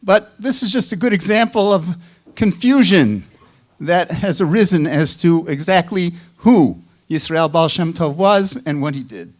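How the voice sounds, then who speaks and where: An older man lectures at an unhurried pace in a Chicago accent. His voice sits somewhat high for a man. He speaks in a measured way, stopping for small asides and restarts. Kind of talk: academic lecture. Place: lecture hall.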